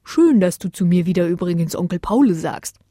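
A woman voicing a kind male Saint Bernard who speaks gently and calmly. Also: on the low side, brisk, dry recording, clean studio sound. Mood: explaining.

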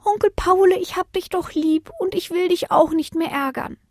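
A woman's voice: extremely high pitch, normal speed, no room sound, studio quality, voice pushed up. A woman voicing the youngest male Saint Bernard puppy, anxious and pleading in a childlike voice. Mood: worried.

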